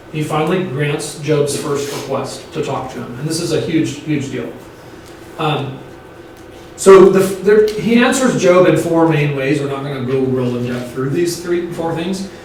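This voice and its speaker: A man teaches a church Bible study, explaining as he goes, restarting his sentences and checking that the class is following. His voice sits fairly high. He is picked up from across a very echoey room, with faint noise behind him. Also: distant mic.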